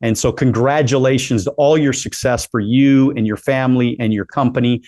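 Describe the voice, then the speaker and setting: A man's voice: medium pitch, steady tone, normal speed, a little mellow, no echo. A man in his late forties hosting a casual interview, upbeat and encouraging, often repeating himself as he talks. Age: 40s. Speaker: podcast host.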